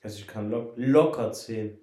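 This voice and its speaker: A man's voice: lowish voice, moderate pace, warm tone. A young man co-hosting a podcast, chatting casually and teasing his friend with joking banter. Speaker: podcast co-host. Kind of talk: casual chat. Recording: echoey room.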